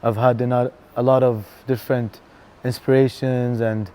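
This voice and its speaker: Laid-back DJ guest, man in his thirties, dark mellow tone, filler-heavy casual talk. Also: mid-range voice, measured pace, smooth. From Canada. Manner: relaxed, chatty, lots of fillers and "bro". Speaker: DJ and venue co-founder, guest. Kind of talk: casual interview chat.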